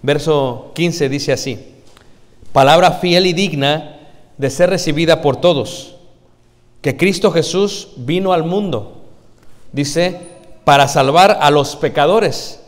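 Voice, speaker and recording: A man preaching a sermon to a congregation, often pausing on rhetorical questions he answers himself. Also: a little high. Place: church congregation. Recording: long church hall reverb.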